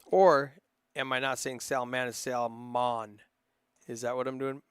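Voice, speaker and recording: A man's voice: medium pitch, normal speed, clear, resonant tone, dry recording. A man with a northern Minnesota accent giving casual, rambling play-by-play commentary on a live poker stream, with plenty of ums and uhs. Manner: casual, chatty, rambling with frequent fillers.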